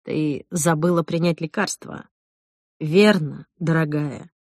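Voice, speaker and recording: A woman reading an audiobook voices a calm, condescending husband who coaxes his wife like a child. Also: a little high, measured pace, slightly rough, no echo, clean studio sound, voice pushed down, exaggerated voice. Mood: patronizing. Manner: soft, patronizing coaxing.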